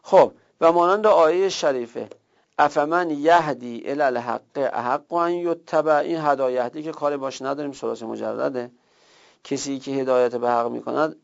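A man teaching a grammar class, explaining step by step and repeating word forms slowly. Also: mid-range voice, creaky. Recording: dull lo-fi recording.

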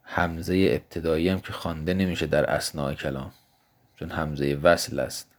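In a recorded grammar lesson, a male teacher of Arabic morphology speaks in a very low, flat voice. He is patient and methodical, posing questions and then answering them himself, and he slows down to spell out example words.

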